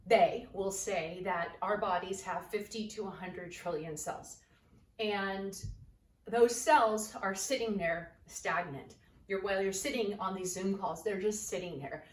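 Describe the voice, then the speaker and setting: A woman yoga instructor leading an exercise lesson, energetic and coaxing, out of breath as she bounces on a trampoline while she talks. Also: medium pitch. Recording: roomy, distant camera mic, faint ambience.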